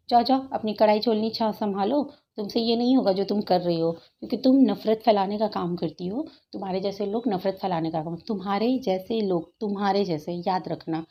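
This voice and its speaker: A woman's voice: mid-range voice, lo-fi sound. A woman YouTuber in her thirties, scolding and sarcastic in a heated reaction video, repeating her points for emphasis.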